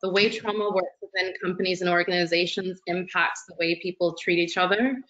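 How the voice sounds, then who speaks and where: Bright, animated young woman on a call. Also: fairly low pitch, fairly quick. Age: 20s. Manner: enthusiastic, expansive, talks with her hands. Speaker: webinar guest. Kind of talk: online panel interview. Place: living room at home. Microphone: laptop webcam video call. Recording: dull lo-fi video call audio.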